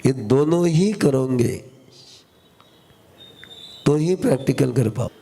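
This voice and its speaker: Here a spiritual teacher delivers a sermon before a live crowd, his medium-pitched voice creaky and warm with lively intonation. His style is slow and repetitive, built on call-and-response as he quizzes the audience in brief repeated phrases.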